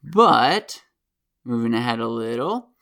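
American male podcast host, gravelly, fired-up profane commentary. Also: mid-range voice, a little slow, fairly bright tone. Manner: passionate, ranting and profane. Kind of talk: opinionated solo commentary.

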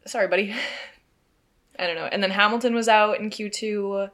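A woman's voice: mid-range voice, steady tone, normal speed, a bit bright. A woman co-hosting a casual podcast, talking in a chatty way with lots of filler words. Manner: chatty, many "like" fillers, laughs easily. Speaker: podcast co-host. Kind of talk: casual chat.

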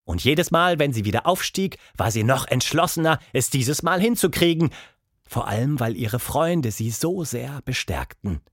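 A man reads a children's story aloud with lively, swinging intonation. His voice sits in a middle register and the recording is close and dry. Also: normal speed, no room sound. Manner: expressive, voices characters with pitch jumps. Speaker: narrator. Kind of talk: scripted storybook narration.

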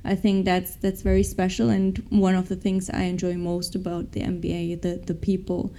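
With a lowish, dark, monotone voice at normal speed, a young former professional athlete now in business school fields interview questions. There's a little hiss or hum in the recording, and her upbeat, hesitant answers contain many restarts.

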